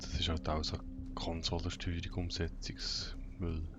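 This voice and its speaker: A man giving casual gameplay commentary half to himself in a flat, unemotional monotone. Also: deep voice, moderate pace. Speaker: gamer commenting on own play. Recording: dull lo-fi, game music behind.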